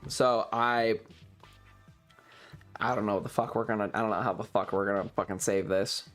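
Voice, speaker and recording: A man with a fairly low, slightly bright voice and fairly even intonation chats casually with his stream viewers at a moderate pace. His animated storytelling is emphatic, full of swearing and repeated phrases. Faint music plays behind him.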